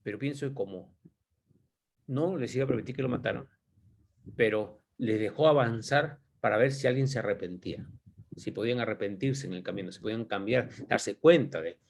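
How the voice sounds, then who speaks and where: A man's voice: on the low side, brisk, vocal fry. Spanish-speaking man teaching scripture conversationally. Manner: conversational, rhetorical questions, thinking aloud. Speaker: Bible study teacher. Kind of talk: informal Bible teaching.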